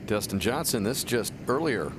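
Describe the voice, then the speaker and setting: A man's voice: lowish voice, big pitch swings, normal speed. A man calling play as a golf commentator on a live tournament broadcast. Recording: loud ambient noise behind broadcast.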